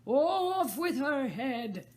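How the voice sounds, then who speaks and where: A woman's voice: high-pitched, sing-song, pitched above the performer's own voice, heavily acted. A woman voicing an imperious, furious storybook queen who bellows commands and draws out her words. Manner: shouting, commanding, drawn-out words.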